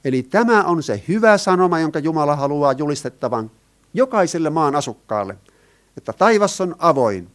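A man's voice: on the high side, sing-song. A man preaching a sermon. He talks in an earnest way, asks his listeners questions and explains Greek words.

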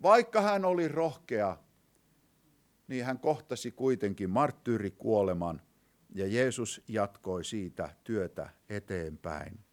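Dramatic male preacher with a lively voice. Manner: dramatic, swinging between loud declaiming and hushed low passages; slows down to read scripture quotes. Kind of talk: sermon to a live congregation.

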